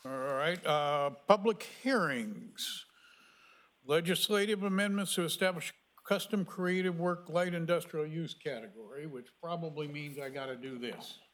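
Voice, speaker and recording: A man with a high-pitched voice chairs a planning commission hearing. He rushes through formal legal statements, stumbling and restarting words as he goes. He speaks in a city meeting room. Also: fairly bright tone. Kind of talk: chairing a public meeting, reading procedural statements.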